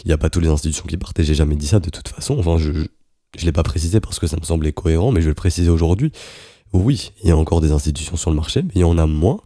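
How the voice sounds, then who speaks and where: A man giving an informal market briefing in a halting way, his voice thick and sick as if with swollen tonsils. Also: a bass voice, dark tone, no echo, studio quality. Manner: halting, searching for words. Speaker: host of a daily crypto trading briefing. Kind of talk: informal spoken market commentary.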